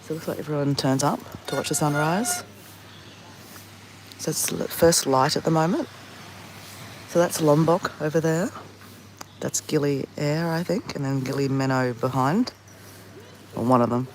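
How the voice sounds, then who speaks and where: On a beach at sunrise, a flu-ridden travel vlogger with a sore throat talks casually into a phone at arm's length, his nasal voice slightly higher. He rambles at normal speed with long pauses, greeting viewers by name, while a faint outdoor hum sits under the poor audio.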